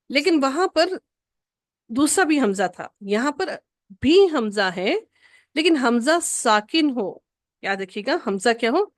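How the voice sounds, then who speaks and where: A woman teaching an Arabic grammar lesson, patiently repeating each rule slowly for her students. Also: high-pitched, no room sound, studio quality.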